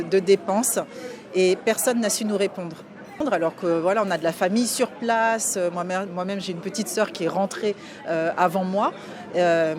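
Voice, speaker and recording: A woman in her forties from France, answering interview questions casually and hesitantly, with many filler sounds and restarts. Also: medium pitch. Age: 40s. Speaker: interview guest. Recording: clear outdoor street noise behind.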